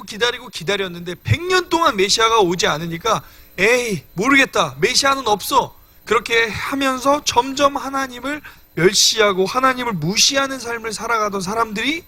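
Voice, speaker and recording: A man's voice: sits high, bright, forceful tone, dry recording. A young man preaching a midweek church sermon, earnestly explaining scripture and addressing the congregation directly. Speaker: evangelist preaching.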